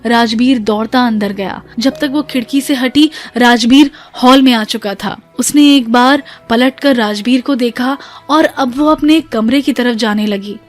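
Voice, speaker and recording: A woman narrating a family drama in Hindi as a storyteller, steady and emotive. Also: a little high, a little slow, hardly any pauses, faint music behind. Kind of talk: scripted narration.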